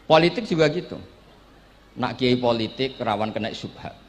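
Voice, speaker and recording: A man's voice: mid-range voice, expressive, moderate pace. Javanese man preaching with playful stories. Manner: storytelling with acted dialogue and joking asides. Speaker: Islamic preacher. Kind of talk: Javanese pesantren sermon.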